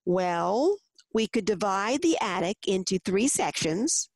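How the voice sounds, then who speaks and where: A woman voicing an excited, eager young boy of almost seven in a storybook reading. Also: medium pitch, slow pace, no echo, poor audio.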